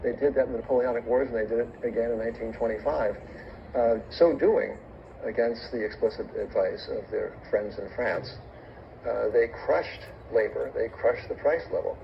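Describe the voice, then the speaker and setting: A man with a creaky, gravelly voice speaks in a formal debate. His delivery is halting and deliberate, with a wry, bookish turn. The sound is muffled, with clear noise behind him. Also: mid-range voice. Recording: dull recording with clear background noise.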